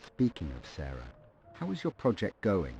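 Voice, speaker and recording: A man's voice: deep voice, huge pitch swings, normal speed, creaky, a little mellow, soft background music, exaggerated voice. A man playing a supportive, concerned friend on a phone call in a scripted drama, casual and reassuring. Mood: encouraging, caring. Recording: muffled, noisy phone-call sound.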